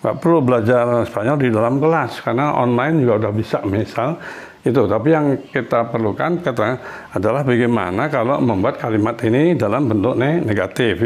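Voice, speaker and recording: A middle-aged man teaching a relaxed lesson, explaining step by step, often restarting and repeating example sentences. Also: medium pitch. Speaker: Spanish teacher. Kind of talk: casual spoken lesson.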